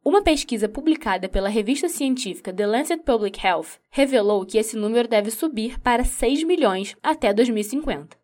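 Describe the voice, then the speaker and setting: Female reporter, slightly high voice, calm measured news read. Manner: measured, even delivery.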